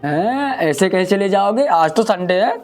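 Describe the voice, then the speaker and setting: A man playing a hot-tempered father who curses quickly. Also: sits high, expressive, faint music behind. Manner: short-fused, cursing.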